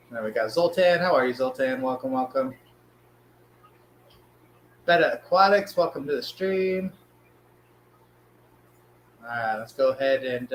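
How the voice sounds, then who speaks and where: A man hosting a casual live stream, his voice sick and hoarse with a smoker's rasp. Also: fairly high pitch, reverberant, a little hiss or hum, low-quality recording.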